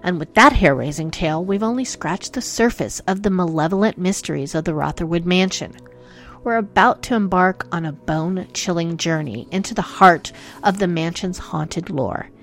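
A woman's voice: lowish voice, normal speed, fairly bright tone, faint music behind. A woman hosting a ghost-story show, narrating scripted spooky tales in a playful, theatrical horror-host manner.

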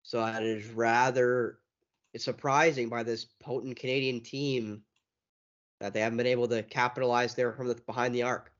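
A man's voice: mid-range voice, flat delivery, normal speed, fairly bright tone. A man calling a basketball game live, his voice breaking up in a choppy buffering stutter over a bad internet connection. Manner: casual, talks straight to his co-commentator. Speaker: basketball commentator. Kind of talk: live play-by-play commentary. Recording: dull lo-fi online call audio.

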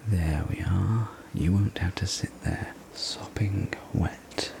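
A man telling a sleep story as a whispered role-play, gentle, soothing and unhurried, speaking as a server looking after a guest. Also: sits low, vocal fry. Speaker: sleep story narrator playing a night-shift diner server.

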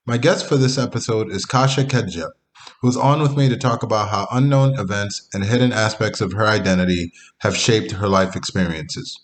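In this relaxed interview, a podcast host teases his old college friend, speaking at normal speed in a voice on the low side. He is of Haitian heritage and was raised partly in Canada.

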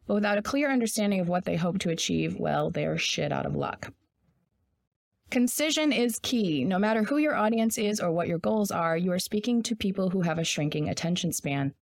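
Podcast co-host: woman, 30s, low raspy voice, blunt and profane, dry close sound. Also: dry recording. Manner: profane, blunt, reads quickly. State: raspy sore throat. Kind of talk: casual chat and reading an essay aloud.

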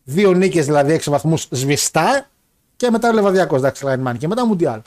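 Young man, slightly high pitch, casual banter, jokey, rambling. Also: big pitch swings, a little mellow. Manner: joking, laughing, rambling. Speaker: podcast co-host reading listener messages. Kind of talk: casual banter about wrestling and football.

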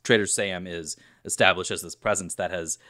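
A man's voice: deep voice, fairly even intonation, normal speed, pushed and bright. A man co-hosting a casual podcast chat, making dry teasing jokes. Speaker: podcast co-host.

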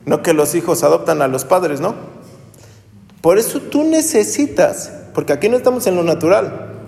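High-voiced preacher in an echoey hall. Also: male voice, expressive, moderate pace, gravelly, darkish tone. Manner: conversational preaching with rhetorical questions. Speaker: pastor. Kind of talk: sermon.

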